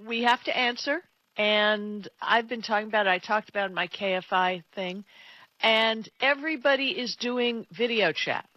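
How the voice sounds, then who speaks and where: A woman's voice: medium pitch, moderate pace, dry recording. Woman talk host, dry, dull-sounding recording. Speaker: tech radio co-host. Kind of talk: casual opinionated tech talk.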